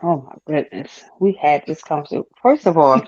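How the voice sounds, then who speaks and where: A woman's voice: deep voice, lively intonation, brisk, darkish tone. Frank woman giving advice, dull lo-fi audio. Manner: frank, advising, conversational. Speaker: host. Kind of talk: casual advice chat.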